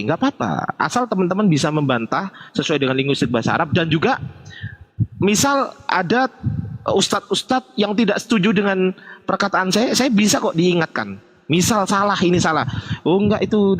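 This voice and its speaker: A man's voice: a little high, a bit bright, long reverb tail. A man hosting a casual debate, explaining Arabic grammar in a self-deprecating way, with lots of fillers. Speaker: Islamic preacher and debate host.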